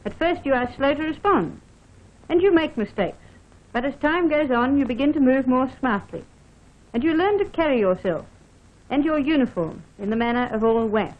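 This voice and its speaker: A woman officer from Australia, high-pitched with lively intonation, reads scripted training film narration at a moderate pace. She instructs the listener directly and formally, over a dull, band-limited vintage film soundtrack.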